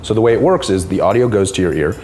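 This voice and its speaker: A man's voice: deep voice, expressive, fast, darkish tone. A man explaining his company's product in an interview, speaking as its representative. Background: music.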